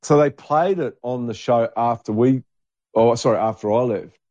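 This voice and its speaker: A man's voice: medium pitch, moderate pace, darkish tone, no echo, dull audio. A man, co-hosting a casual podcast and rambling while he searches for names. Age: 60s. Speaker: podcast co-host. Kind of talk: casual chat.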